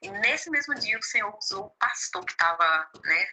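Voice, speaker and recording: A Brazilian woman, a gospel singer and preacher, telling her testimony in an interview with lively storytelling, often quoting what others said to her. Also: medium pitch, normal speed, poor audio. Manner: lively storytelling, quotes others, laughs easily.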